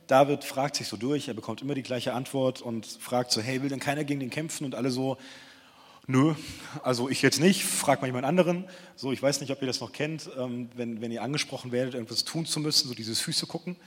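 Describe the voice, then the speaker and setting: A man's voice: medium pitch, fairly bright tone, slightly rough. A young man giving a casual, chatty sermon, retelling a Bible story and acting out the quotes in slang. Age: young adult. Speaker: preacher. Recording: long hall reverb.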